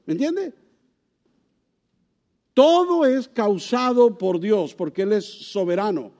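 A male pastor preaching a sermon, throwing rhetorical questions to the congregation and swinging widely in pitch and loudness for emphasis. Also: lively intonation, takes it slowly.

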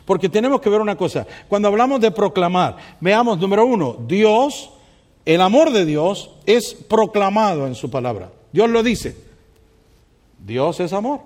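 A male pastor preaching a sermon with lively energy, often asking the congregation questions and telling personal anecdotes. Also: high voice. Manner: animated, asks the congregation questions, tells anecdotes. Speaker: pastor and counselor.

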